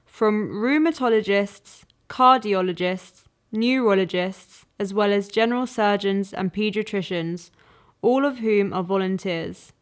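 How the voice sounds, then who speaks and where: A woman reading scripted documentary narration in an even, informative way. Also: mid-range voice, measured pace, clean tone.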